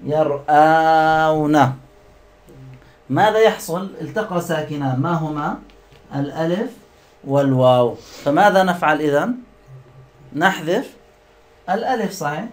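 A male teacher leading a classroom lesson, repeating words slowly and quizzing his students. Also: fairly high pitch, lively intonation, roomy sound.

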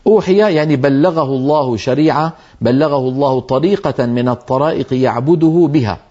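A man teaching a religious lesson from slides, going through each word patiently and repeating definitions. His voice is dark and mellow at a middle pitch. The recording sounds dull and lo-fi. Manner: explains slowly, repeats and defines terms.

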